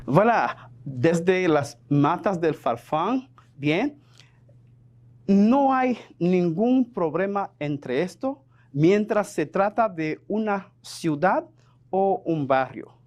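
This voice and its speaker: Slow, lively-voiced male teacher. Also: high-pitched. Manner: switches between French and Spanish, explains patiently, repeats examples. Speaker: French teacher. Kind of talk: televised classroom lesson.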